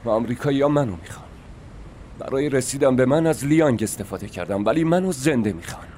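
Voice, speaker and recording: Man playing a calm, calculating enemy officer. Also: medium pitch, a little hiss or hum, lightly acted. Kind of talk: dubbed war drama acting.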